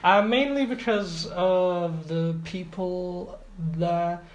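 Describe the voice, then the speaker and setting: Speaking slowly in a high voice with fairly even intonation, a twenty-something man from Iraq answers questions in a casual interview. He often stalls, using many fillers and restarting sentences. Faint background noise and a roomy echo fill the recording.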